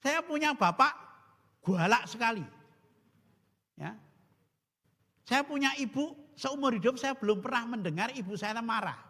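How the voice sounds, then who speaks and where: Priest giving a retreat talk, high bright voice, jokey and animated, long echo of a big hall. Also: male voice, unhurried, long pauses. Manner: animated, humorous, mixes in Javanese phrases. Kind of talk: spiritual recollection talk.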